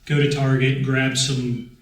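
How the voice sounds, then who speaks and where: A man co-hosting a family travel vlog, chatting casually and hesitantly, often filling pauses and restarting his sentences. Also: mid-range voice, monotone. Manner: hesitant, many fillers and restarts. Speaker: vlog co-host. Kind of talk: casual chat. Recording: echoey room, distant mic.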